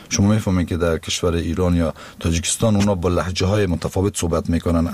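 A man's voice: low-pitched, darkish tone. A male singer with an Afghan Dari accent, talking reflectively in a casual interview.

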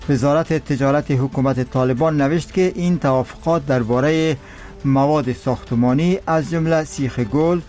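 A man's voice: mid-range voice, a little mellow. Afghan male radio newsreader over music. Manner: measured, formal read delivery. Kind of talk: formal radio news bulletin.

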